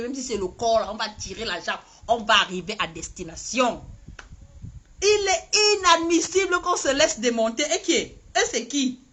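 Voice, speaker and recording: Woman on a live stream, high voice, lots of swoops, bit husky, laughs a lot. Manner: animated, laughing, rallying her viewers. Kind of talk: casual political live stream.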